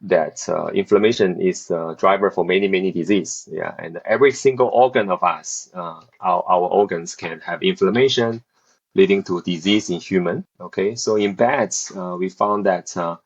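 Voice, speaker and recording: Answering interview questions, a researcher in his thirties speaks with a low, gravelly, slightly rough voice at a moderate pace. He is from South Korea, raised in Beijing, and serves as an assistant professor. His replies are hesitant, with many fillers and restarts, over lo-fi sound.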